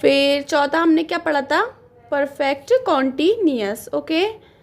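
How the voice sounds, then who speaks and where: A woman with a high, light voice walks her students through a grammar lesson. She speaks patiently and keeps repeating key words slowly as she writes them down. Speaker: teacher. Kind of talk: classroom lesson explaining grammar.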